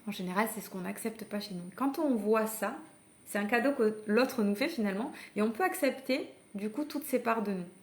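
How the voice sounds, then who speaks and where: With an animated, brisk delivery at a medium pitch, this woman coaches parents in a live online masterclass. She chats encouragingly, speaks straight to her audience and prompts them to act, with frequent hesitations and restarts along the way.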